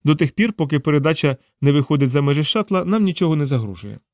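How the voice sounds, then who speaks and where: A man voicing a tough, blunt female shuttle pilot in an audiobook, raising his pitch for her and speaking curtly. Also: lively intonation, fast talker, no echo, clean studio sound. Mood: tense.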